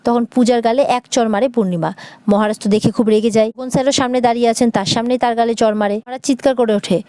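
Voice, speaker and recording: Fast-talking woman recapping a serial. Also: fairly high pitch, fairly even intonation, dark tone, no echo. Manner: brisk storytelling. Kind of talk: scripted narration.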